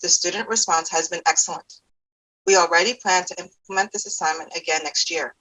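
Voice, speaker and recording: A woman's voice: lowish voice, fairly even intonation, brisk, bright, forceful tone, low-quality recording. A woman presenting from a script, narrating an overview.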